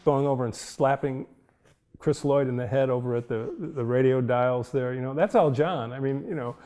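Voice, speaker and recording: A man's voice: medium pitch, normal speed, warm tone. An older man, a film director, telling thoughtful anecdotes in an interview and chuckling now and then. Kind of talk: reflective interview storytelling.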